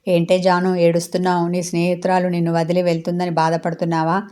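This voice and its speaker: Brief: woman playing a fond grandmother, teasing, low even voice, storybook. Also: fast talker, lightly acted. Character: older grandmother, affectionate and scolding.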